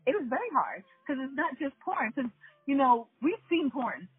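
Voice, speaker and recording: A woman in her thirties or forties from the New York area, hosting a casual chat and telling stories in an animated way. She laughs often and talks straight to her listeners. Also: sits high, moderate pace, no echo. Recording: tinny phone-like line, dry, faint music.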